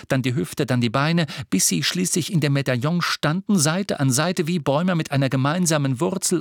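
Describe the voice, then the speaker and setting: A man reading an audiobook in a measured, expressive way. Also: medium pitch, dry recording, studio quality. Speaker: audiobook narrator. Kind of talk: scripted narration.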